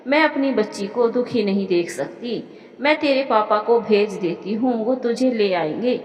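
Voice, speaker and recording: A woman's voice: a little high, animated, measured pace. A woman voicing a doting, meddling middle-aged mother who fusses over her daughter on the phone, in a long echoing reverb. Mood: indignant. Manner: fussing, comforting, tearful.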